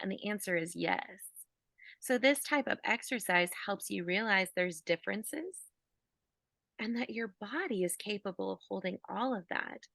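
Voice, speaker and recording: Gravelly-voiced woman guiding a visualization. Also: medium pitch, no echo. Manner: soft, slow guiding voice with casual fillers. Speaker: physical therapist guiding an exercise. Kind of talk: guided visualization.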